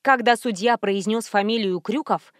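A woman narrating a detective audiobook in a steady, even storytelling manner. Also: mid-range voice, moderate pace, no room sound, studio quality. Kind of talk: scripted narration.

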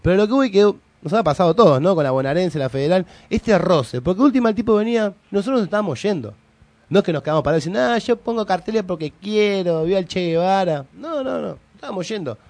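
On a radio show, a young Argentine co-host speaking Rioplatense Spanish tells a slangy story, voicing each side of a quarrel. He talks fast in a high, sing-song voice with a darkish tone, and the recording is dry.

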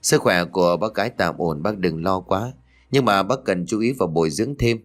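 A man voicing a calm, formal hospital doctor who reassures a patient's family. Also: low-pitched, moderate pace. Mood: reassuring.

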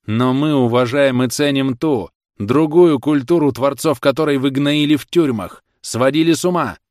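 An actor reading an audiobook, playing a fiery young male defendant who shouts passionate accusations in court. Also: mid-range voice, moderate pace, no echo, clean studio sound, voice pushed up, lightly acted. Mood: furious.

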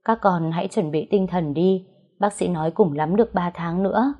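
A woman's voice: on the low side, normal speed, dull audio. A woman voicing a worried aunt who talks bluntly and scolds.

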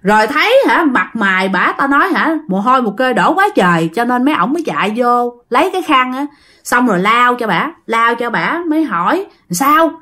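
A woman's voice: a little high, very animated, a little fast, bright, forceful tone. A woman with a Southern Vietnamese accent telling a ghost story, chatting directly to her listeners.

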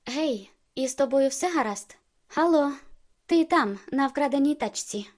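A woman's voice: high voice, expressive, measured pace. A woman voicing a friendly, cheerful young woman in an audiobook, talking in a playful, teasing way.

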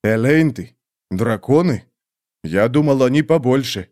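A man's voice: mid-range voice, animated, unhurried, darkish tone, close to an everyday voice. A man reading an audiobook, voicing a blunt, weary male warrior in his own plain voice. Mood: wry.

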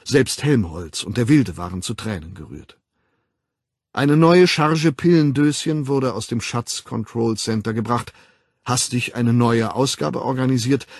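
A man's voice: mid-range voice, gravelly, husky, no echo, clean studio sound. A man reading a novel aloud in a dramatic audiobook narration style. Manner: dramatic, shifts into character voices.

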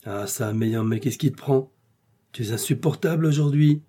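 A man voicing a sulky, vain gentleman in an audiobook, irritable and peevish. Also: mid-range voice, normal speed, husky, lightly acted. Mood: irritated. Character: sulky, vain gentleman host, easily bored. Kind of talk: audiobook character reading.

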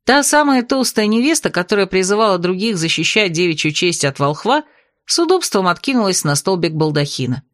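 A woman narrating a first-person audiobook in a lively, expressive way. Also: mid-range voice, fairly quick, no room sound, clean studio sound.

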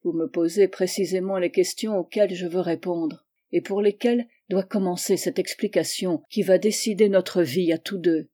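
Insistent, forceful young man in love, read by a woman, mellow and dark in tone, audiobook delivery. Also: lowish voice, fairly even intonation, moderate pace, hardly any pauses, natural voice. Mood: pressing. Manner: forceful, pressing. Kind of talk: audiobook reading of a novel.

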